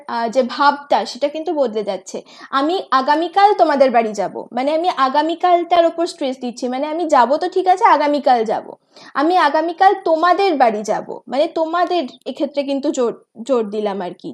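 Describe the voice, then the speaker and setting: A woman teacher, giving an exam-prep lecture. Her voice sits high and sounds soft and mellow rather than bright. She reads English points slowly, then explains them patiently.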